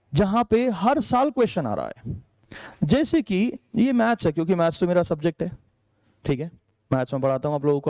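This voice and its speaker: A man's voice: high-pitched, a little mellow. A male maths teacher from India giving an exam strategy lesson, chatty, checking in with students as he goes and mixing English subject terms into Hindi. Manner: chatty, checks in with "ठीक है", calls students "बेटा".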